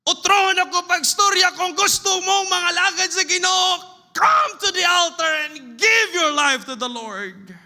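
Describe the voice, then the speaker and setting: A man voicing a fiery preacher calling people forward to the altar, shouting with a pleading manner, in a church hall with long reverb. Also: very high voice, expressive, a little slow, voice pushed up, full character voice. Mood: urgent, shouting.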